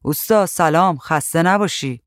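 Brief: male reader as a joking, idle husband, fairly high voice, dry room. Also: dry recording, natural voice. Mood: wry. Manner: dry, teasing replies. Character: laid-up husband, wry and teasing.

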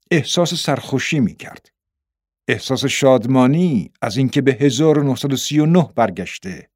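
A man reading a story aloud in a steady, even storytelling manner. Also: medium pitch, no echo, studio quality. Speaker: narrator. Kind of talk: audiobook narration.

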